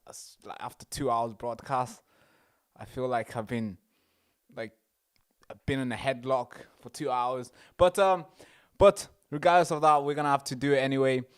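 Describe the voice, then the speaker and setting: A man's voice: medium pitch, fairly even intonation, moderate pace, clean tone. A young man from Tanzania hosting his own show, talking casually and straight to his viewers, often repeating phrases. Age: young adult. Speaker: show host. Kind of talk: casual livestream commentary. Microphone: wearing headphones.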